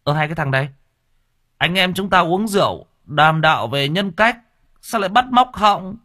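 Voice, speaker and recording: A man's voice: sits high, expressive, moderate pace, pushed and bright, voice pushed up, heavily acted. Man doing an indignant drinking buddy. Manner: indignant protesting.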